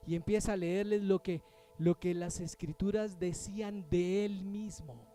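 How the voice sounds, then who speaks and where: A man preaching a sermon as pastor, talking with the congregation through questions and swinging from loud emphasis to hushed near-whispers. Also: sits high, fairly even intonation, measured pace, faint music behind. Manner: conversational, addresses the congregation with questions.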